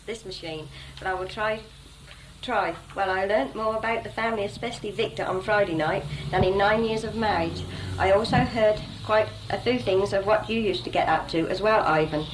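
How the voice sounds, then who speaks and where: A woman's voice: medium pitch, normal speed. A young woman giving an informal, slightly self-conscious message to relatives. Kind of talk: informal spoken letter to relatives. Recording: noisy amateur home tape.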